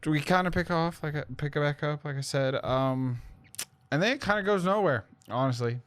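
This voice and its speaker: A man's voice: on the high side, moderate pace, a bit bright, clear, resonant tone, no room sound. A man hosting a casual movie review podcast, rambling and self-correcting with lots of fillers. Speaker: podcast host.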